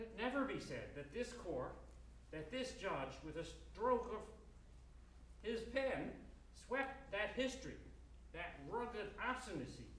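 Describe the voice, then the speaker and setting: A man playing an impassioned courtroom lawyer in a dramatic reading, with theatrical, hammy oratory, emphatic repetition and weighty pauses. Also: high-pitched, a bit bright, exaggerated voice. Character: impassioned male lawyer pleading to a judge in court. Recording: echoey room, distant mic, faint noise.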